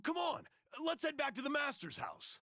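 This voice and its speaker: A loud, boastful young brawler. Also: male voice, very high voice, sing-song, moderate pace, no room sound, studio quality, voice pushed up, heavily acted. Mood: boisterous. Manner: loud, boastful, shouting bursts. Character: boisterous burly young male brawler, proud and loyal. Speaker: streamer voicing a game character. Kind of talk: dramatic reading of game dialogue.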